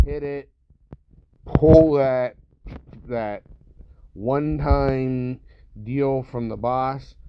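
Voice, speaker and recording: A man's voice: mid-range voice, smooth, dry recording. A man giving casual, blunt, instructive commentary over his own gameplay as he walks through tactics. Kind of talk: casual mobile game walkthrough commentary.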